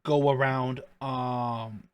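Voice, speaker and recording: A man's voice: mid-range voice, level tone, extremely slow, clean tone, no room sound. A man hosting a casual chat show, rambling and repeating himself, with playful mock excuses. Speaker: podcast host.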